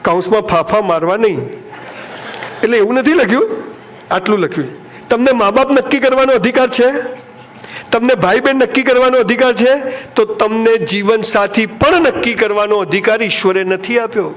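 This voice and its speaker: High-pitched animated Gujarati speaker. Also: male voice, normal speed, a little hiss or hum. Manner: animated, joking, acts out lovers' lines in playful voices. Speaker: motivational speaker. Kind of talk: live motivational speech to an audience. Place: hall with a seated audience.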